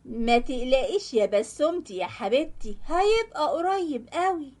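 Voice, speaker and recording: A man's voice: very high-pitched, very animated, moderate pace, darkish tone. A woman with an Egyptian accent voicing a pushy, evasive young man who talks insistently and dismissively. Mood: coaxing. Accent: Egyptian Arabic.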